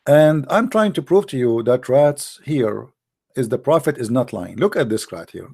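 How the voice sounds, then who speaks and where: A man hosts a live call-in show, commenting in English, his second language after Arabic, with emphatic, mocking sarcasm. His voice is medium-pitched, expressive, mellow, creaky, and slightly rough, at a moderate pace.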